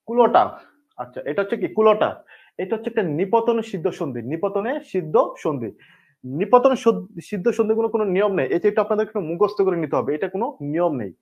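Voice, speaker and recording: A man's voice: high voice, big pitch swings, a little fast, muffled recording. A man with a Bangladeshi Bengali accent teaching an exam-prep grammar lesson, repeating words and asking and answering his own questions.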